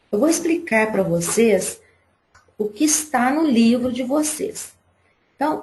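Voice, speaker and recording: A woman's voice: on the high side, a little mellow. A woman teacher giving a live online class to young pupils, explaining patiently and step by step.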